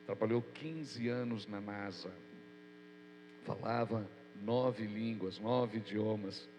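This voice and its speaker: Slow-paced and darkish in tone, the pastor's fairly low voice carries a prayer and sermon in an earnest, informal manner, nasal and stuffy because of a cold. The recording comes from an echoey church hall with mains hum.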